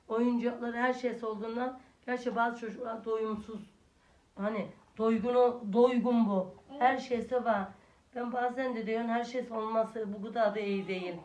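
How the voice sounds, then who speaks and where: In a room of her village house, a Turkish grandmother and vlogger talks to her audience like friends and coos to her small grandson in a sing-song way. Her voice is on the high side and a little mellow; the room echoes and the mic sits at a distance.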